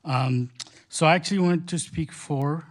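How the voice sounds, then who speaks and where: A man's voice: on the high side, normal speed. Hesitant man speaking from the floor. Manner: hesitant, starts with fillers. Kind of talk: public comment.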